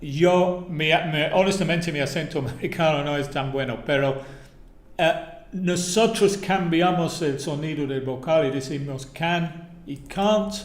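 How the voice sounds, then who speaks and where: An Englishman teaches his native English in careful, unhurried Spanish. He drills each example phrase aloud, one by one, in a slightly high voice. The room around him rings with echo. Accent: English, speaking Spanish as a second language. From England. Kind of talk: live online language lesson.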